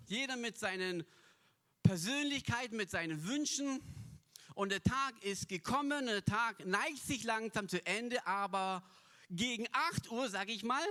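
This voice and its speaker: Man, preacher, folksy storytelling sermon, slow delivery, bright voice. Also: very high voice. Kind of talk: Christmas sermon.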